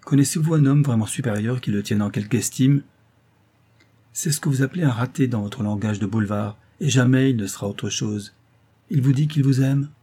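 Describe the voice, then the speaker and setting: A man's voice: mid-range voice, brisk, dark tone, slightly rough, lightly acted. A man voicing a stern middle-aged doctor in an audiobook of a novel, speaking coldly, with cutting irony. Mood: scornful. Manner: cold, cutting, ironic.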